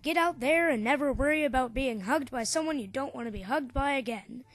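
A narrator reading a scripted spoof infomercial in a sales-pitch delivery. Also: a little fast, fairly bright tone, no echo, faint music behind.

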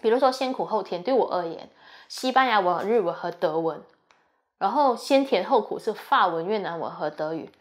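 A young woman talks through her student experience in a chatty, earnest way. Her voice sits at an ordinary middle pitch, and she sounds like a university student passing on advice. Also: lively intonation, moderate pace. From Malaysia. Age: young adult. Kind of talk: casual advice talk.

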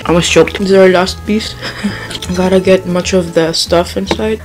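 A woman's voice: lowish voice, fairly even intonation, moderate pace, music in the background. A woman food vlogger chatting casually with her mouth full while chewing. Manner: chatty, jokey, self-deprecating. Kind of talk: casual food vlog chat.

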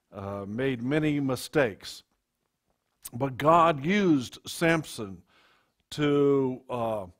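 A man preaching a sermon to his congregation into a pulpit microphone, in a halting delivery full of fillers and restarts. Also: medium pitch. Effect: speaking into a pulpit microphone. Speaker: pastor.

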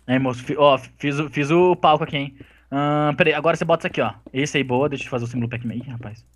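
A man gives cheerful gameplay commentary at a breakneck pace. His voice is a little high. He keeps urging his partner on in a casual way. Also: quick pace. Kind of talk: casual let's play chat.

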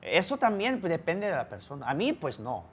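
A man's voice: on the high side, wildly swooping pitch, brisk, slight background noise. A man whose first language is Korean, chatting casually and playfully while explaining his language. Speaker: guest teaching Korean. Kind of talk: casual chat.

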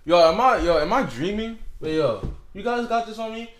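A man's voice: high voice, lively intonation, moderate pace, echoey room. A young man vlogging an angry, profane rant to the camera, repeating himself as he goes.

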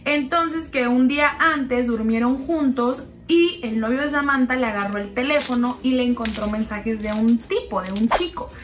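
A woman's voice: on the high side, moderate pace, few pauses. A young woman telling a gossip story in a chatty, confiding way, as if talking to a close friend. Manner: chatty, confiding, keeps calling the listener "sister". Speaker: storytime narrator. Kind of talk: gossipy storytime narration over a slime video.

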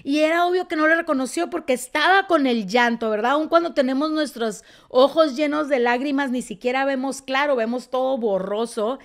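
A woman teaching a Bible story, telling it expressively and often dropping to a soft, quiet tone. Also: high-pitched, normal speed, hardly any pauses. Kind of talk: teaching sermon.

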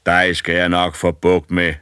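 A man voicing a slow, booming old ghost. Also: completely flat delivery, sharp tone, clear, resonant tone, no room sound, studio quality. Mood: menacing. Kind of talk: audiobook fairy tale reading.

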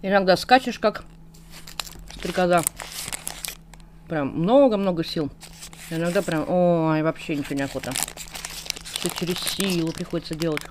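Mukbang host, woman, lowish voice, talking through a mouthful, faint hiss behind. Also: normal speed, pauses often. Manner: chatty, talking while chewing. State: mouth full. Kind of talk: casual eating chat to camera.

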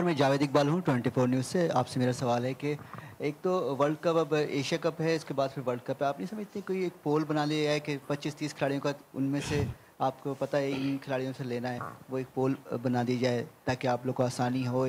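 A man's voice: mid-range voice, steady tone, fairly quick, darkish tone, slight background noise. A male reporter introducing himself and asking two direct questions at a press conference. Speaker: sports reporter. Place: press room, indoors.

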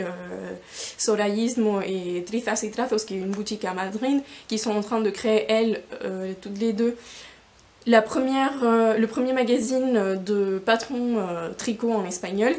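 A young woman from Spain, a non-native speaker, hosts a casual video podcast in front of the shelves of a yarn shop. Her medium-pitched, darkish voice rambles with many fillers and restarts while she gestures with her hands, picked up by a camera mic.

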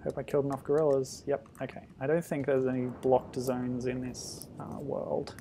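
A man casually commenting on a retro game as he plays, thinking aloud with sudden loud exclamations. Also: mid-range voice, flat delivery, normal speed, vocal fry, noisy background. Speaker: streamer.

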